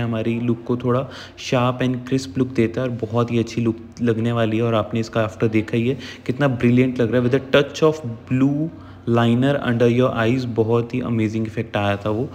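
A man's voice: mid-range voice, darkish tone, big-room sound. A man talking through a makeup tutorial as the channel's makeup artist, in a chatty, instructive way, mixing English words into his speech.

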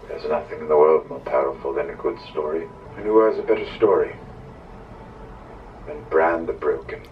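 A man's voice: a bass voice, fairly even intonation, moderate pace, recorded from a distance, a little hiss or hum. An actor playing a grave, persuasive nobleman in a television fantasy drama. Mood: solemn. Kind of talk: scripted TV fantasy drama acting. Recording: muffled television speakers playing across a room.

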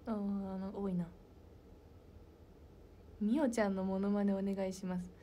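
Soft-spoken young woman chatting with fans. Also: medium pitch, steady tone, measured pace, a little hiss or hum. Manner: soft-spoken and chatty, drops into whispered asides. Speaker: idol talking with fans. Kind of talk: casual chat answering fan questions.

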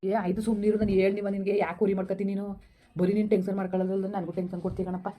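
Woman doing a young guy soothing his runaway girlfriend, fast flat talk, village skit. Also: mid-range voice, natural voice. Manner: soothing, urging calm, repeating himself. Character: young man Sharath, eloping lover, soothing. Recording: dull lo-fi recording.

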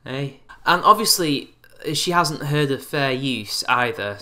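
A man in his twenties, a YouTube commentator, fires off sarcastic and exasperated rants in a response video shot on a webcam inside a small, bright room. He speaks slowly, with a sharp, medium-pitched voice and lively intonation.

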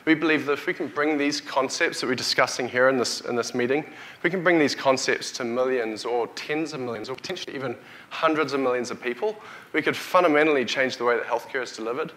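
A man in his thirties with a New Zealand accent delivers a fast conference keynote as a company CEO, his mid-range voice a bit bright. He stands on stage before an audience in a hotel conference hall, wearing a lapel or headset microphone.

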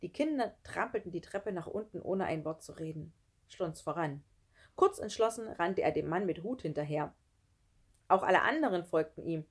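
A woman reading a children's book aloud with lively storytelling. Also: lowish voice, husky. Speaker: reader.

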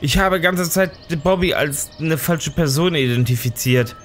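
A man gives casual video game commentary in a slightly high voice. He stammers and throws in short exclamations. Game music plays clearly behind him. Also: a little slow. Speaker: let's player.

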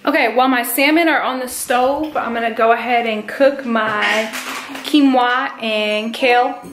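With a fairly high pitch and steady tone, this young vlogger in her twenties speaks unhurriedly, describing each cooking step in her home kitchen. The handheld camera records her close up, and the background is noisy.

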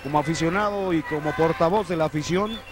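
High-voiced Mexican male wrestling commentator. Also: fast talker. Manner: emphatic, conversational, addresses co-commentator. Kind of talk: live wrestling commentary with banter. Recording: noisy 1990s TV arena broadcast.

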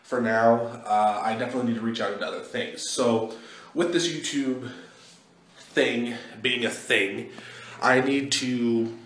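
A man's voice: mid-range voice, measured pace, a bit bright. Young man vlogging in an echoey room. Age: young adult. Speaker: video blogger. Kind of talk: casual vlog talk to camera. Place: small echoey indoor walkway in a house being moved into. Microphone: phone at arm's length. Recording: echoey bare room, phone recording.

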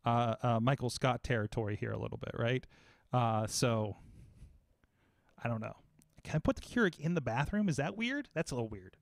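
A man's voice: mid-range voice, moderate pace, gravelly, no room sound. A man in his forties hosting a podcast, rambling animatedly in casual chat on a studio mic in a foam-paneled room. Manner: animated, rambling, self-mocking. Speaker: podcast host. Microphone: studio mic on boom arm, headphones.

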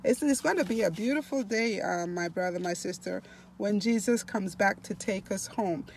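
A woman slowly reading scripture aloud and commenting on it, repeating key phrases for emphasis. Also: mid-range voice, vocal fry, a little mellow, slight background noise. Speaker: devotional reader and host. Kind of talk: slow devotional reading with commentary.

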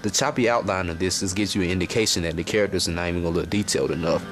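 A man's voice: low voice, very fast. A young American man giving an exasperated, profane, comedic rant as a video game reviewer. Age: young adult. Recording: loud music under voice. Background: loud music.

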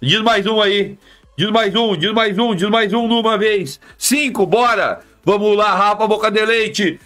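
A man with a high, slightly bright voice live streams at a somewhat slow pace. He chats casually and repetitively in slang, talking straight to his viewers.

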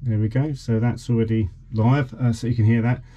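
A vlogger in his forties informally demonstrates a boat radio, explaining with slight hesitation. His medium-pitched voice is fairly even in intonation, a little fast and dark in tone. Noise is clearly audible in the background.

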